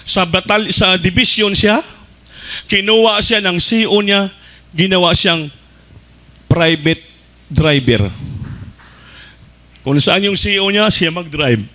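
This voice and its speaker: Male preacher, fervent delivery, shouts at the peaks and then drops low, sharp and bright tone. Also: slow pace, pauses often. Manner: mixes English phrases into his preaching. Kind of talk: sermon.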